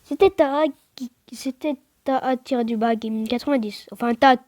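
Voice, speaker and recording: A woman giving casual gameplay commentary, stammering and restarting words, with slangy, excitable outbursts. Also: fairly high pitch, moderate pace. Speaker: gaming channel host.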